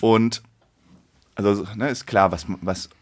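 A man's voice: lowish voice, fairly even intonation, slow pace. A man in his thirties co-hosting a podcast, chatting casually, laughing easily and explaining things. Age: 30s. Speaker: podcast co-host. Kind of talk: casual chat.

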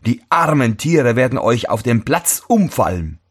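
A man's voice: mid-range voice, sing-song, measured pace, breathy edge, pitched above the performer's own voice. A man reading a fairy tale and voicing a fussy, irritable old master shoemaker who scolds everyone around him. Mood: scolding, indignant. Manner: scolding, shouting complaints.

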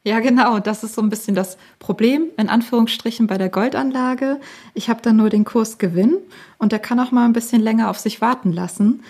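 A woman's voice: a little high, fairly quick, a little mellow, slightly rough. A woman explaining things conversationally as an expert guest and financial adviser.

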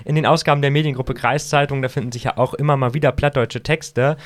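A man's voice: medium pitch, fairly even intonation, quick pace. A man co-hosting a podcast who asks questions in a curious, light way and laughs easily. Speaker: podcast co-host. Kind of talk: casual podcast chat.

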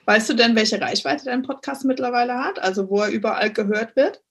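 A woman interviews a podcast guest in casual German, encouraging her and often nodding along with short "mhm"s. Her voice is a little high and slightly rough, and she talks fairly quickly.

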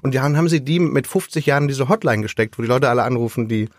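Guy on a podcast, rambly, fumbles his words, talks fast, dry close mic. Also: medium pitch, dry recording. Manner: rambling, hesitant storytelling with restarts. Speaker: guest. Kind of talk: casual podcast chat.

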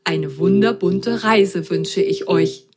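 A woman voicing a cheerful magic washing machine in a storybook, speaking in a slow, ceremonious, tinny voice. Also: fairly low pitch. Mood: jolly.

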